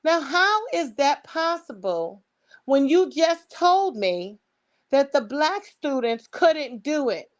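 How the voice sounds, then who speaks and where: Brooklyn accent lady, high voice, emphatic opinionated rant talking straight to the listener. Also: big pitch swings, takes it slowly. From Brooklyn, New York. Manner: emphatic, rhetorical questions, swearing. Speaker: commentator. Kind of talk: opinionated solo commentary.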